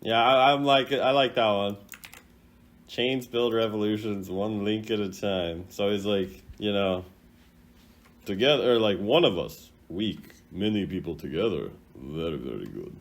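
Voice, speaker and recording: A gaming content creator with a fairly low voice talks at an unhurried pace while ranking video game voice lines. His reaction commentary is casual, informal, and rambling, as he thinks aloud.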